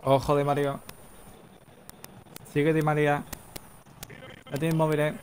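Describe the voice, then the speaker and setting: A man's voice: fairly high pitch, completely flat delivery, a little mellow, slight background noise, poor audio. A man streaming live play-by-play commentary on a football video game, rattling off player names and breaking into long goal cries. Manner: rapid name-calling, bursts into drawn-out goal cries.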